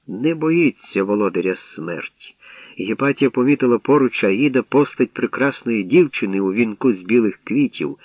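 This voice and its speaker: A man reading a mythic story aloud as an audiobook narrator, in steady, measured scripted narration. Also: medium pitch, no echo. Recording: dull lo-fi dry recording.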